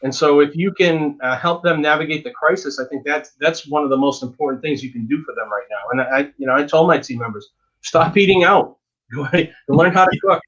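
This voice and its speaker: A man's voice: on the high side, fast talker, few pauses, a bit bright, muffled recording. A dentist giving frank, emphatic advice in a casual interview, often repeating words as he talks.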